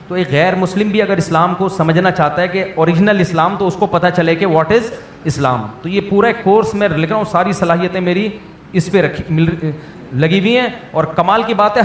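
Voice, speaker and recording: Plainspoken mufti in an echoey hall. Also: male voice, high-pitched. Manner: plainspoken, teasing, keeps asking if the point is understood. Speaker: mufti answering audience questions. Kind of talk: question-and-answer religious talk. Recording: echoey room with faint background noise.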